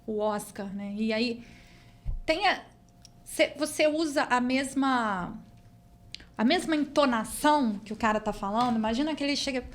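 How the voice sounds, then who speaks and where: A woman's voice: a little high, moderate pace. A woman speaking Brazilian Portuguese, hosting a podcast interview and prompting her guest with questions and short replies. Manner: engaged, with frequent short backchannels. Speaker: podcast host. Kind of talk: casual interview chat. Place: podcast studio.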